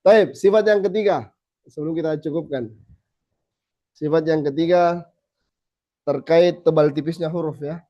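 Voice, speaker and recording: A man teaching a small group how to recite, saying letter sounds slowly again and again and then correcting them. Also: fairly high pitch, warm tone. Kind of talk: tajweed lesson to a small group. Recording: slightly dull lo-fi recording.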